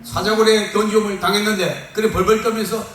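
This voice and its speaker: A male pastor preaching a sermon in a lively, joking way, laughing often, recorded on a phone from far off in a church hall. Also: high voice, fast talker, a little hiss or hum. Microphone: phone far off in the room. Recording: echoey room from far off on a phone.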